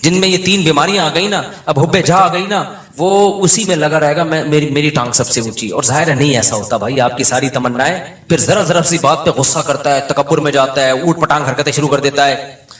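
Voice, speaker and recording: Male religious lecturer, animated storyteller, slightly high voice, roomy hall sound. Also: brisk. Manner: animated storytelling, acting out quoted people. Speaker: Islamic scholar giving a talk. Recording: echoey hall.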